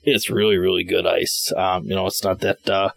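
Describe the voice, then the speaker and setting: A male interview guest talks in a casual, rambling way, often padding with small filler phrases. His voice sits a bit low. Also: little pitch movement, normal speed, gravelly. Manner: rambling, peppered with "you know". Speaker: bait shop interview guest giving fishing reports. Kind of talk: casual chat. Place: inside an ice shelter on display at a shop.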